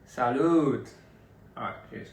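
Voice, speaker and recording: An Australian man hosts a livestream, chatting casually with viewers and rambling with many restarts. His mid-range voice moves slowly. The room is echoey, and he sits a bit far from the mic.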